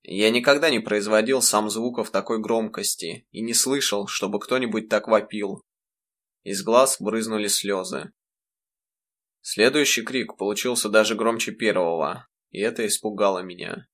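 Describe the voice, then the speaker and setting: A man narrating a first-person audiobook in a measured, reflective way. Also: on the low side, fairly bright tone.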